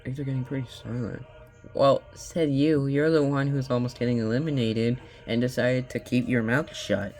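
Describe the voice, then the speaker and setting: A man at a middling pitch with a gravelly, creaky edge, reacting to a video. He bickers and tosses out dry, sarcastic asides. Faint music plays underneath. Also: steady tone, brisk, few pauses, a little mellow. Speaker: video reactor voicing a cast of characters.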